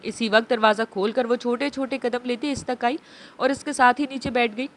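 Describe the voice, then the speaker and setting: A woman narrating a romance novel in a steady storytelling delivery. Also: a little high, normal speed.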